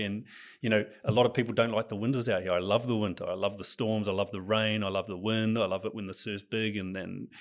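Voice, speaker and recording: A man's voice: on the low side, gravelly. A man with a New Zealand accent, a coach chatting as a podcast guest in an easygoing, enthusiastic way. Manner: relaxed, enthusiastic about nature. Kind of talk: casual interview chat.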